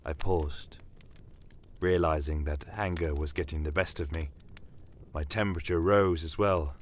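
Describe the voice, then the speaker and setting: Over battle aftermath ambience, a man narrates a dramatic first-person audio story as a shrewd, bitter non-human desert commander. His very deep voice keeps a fairly even intonation as he tells the story in a measured, theatrical, courteously menacing way, full of pointed rhetorical questions.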